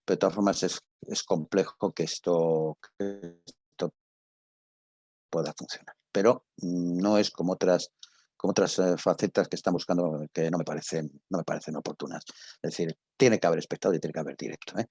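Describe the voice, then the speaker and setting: A guest speaker and radio drama professor, this older Spaniard talks informally and answers questions in a halting, emphatic way, frequently saying things twice. His voice is husky, low and slightly mellow, with intonation that stays fairly even. The audio carries no echo.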